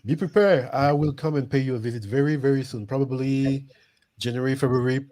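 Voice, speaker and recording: Speaking a little fast in a warm, medium-pitched voice with fairly even intonation, a Guadeloupe man hosts a live stream. He keeps it casual and keen, urging viewers on and repeating himself often.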